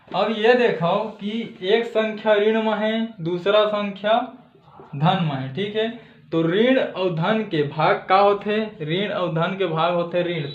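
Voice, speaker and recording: High-voiced Chhattisgarhi math teacher, echoey. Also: male voice, highs cut off. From Chhattisgarh, India. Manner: says "theek hai" constantly, asks and answers his own questions. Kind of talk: math lesson walkthrough.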